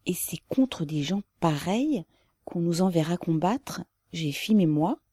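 A troubled young peasant man in a storybook, put on by a woman reader. His voice is sharp and loud. The recording is dry and close. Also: a little high, expressive, measured pace, breathy edge, no room sound.

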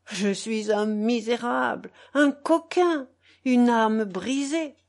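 A woman's voice: on the high side, slow pace, creaky. Woman reading crying uncle, wails and whines at himself, storybook reading. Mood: self-loathing. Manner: wailing, tearful. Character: grown man, uncle, weeping in self-reproach.

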